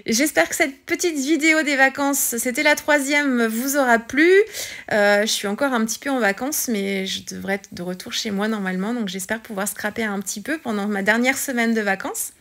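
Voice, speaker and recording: A woman's voice: a little high, normal speed, a bit bright. A woman chatting through a scrapbooking tutorial voice-over, hesitant with many fillers and restarts. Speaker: scrapbooking vlogger. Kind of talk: casual craft tutorial voice-over.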